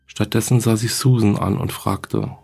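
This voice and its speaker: A man reads a ghost story aloud at a steady, measured pace. His voice sits low and is gravelly and husky. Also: faint music behind. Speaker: narrator. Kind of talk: storybook narration.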